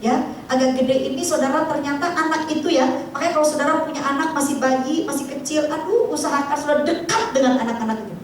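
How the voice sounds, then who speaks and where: A woman pastor, preaching in a lively, chatty way and often addressing the congregation. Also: sits high, fast talker, a little hiss or hum. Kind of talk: sermon. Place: church hall. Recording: echoey hall, distant mic.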